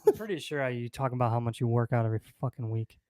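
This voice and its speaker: A man's voice: medium pitch, lively intonation, very fast, darkish tone, smooth, no room sound. A man co-hosting a casual podcast chat, teasing his friend and riffing on crude jokes. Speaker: podcast co-host.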